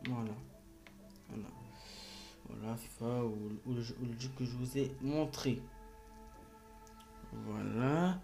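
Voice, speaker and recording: Recorded on a phone, this gaming tutorial vlog features a man whose medium-pitched voice is creaky with a darkish tone. He hesitates, rambles, and keeps restarting his sentences amid lots of fillers.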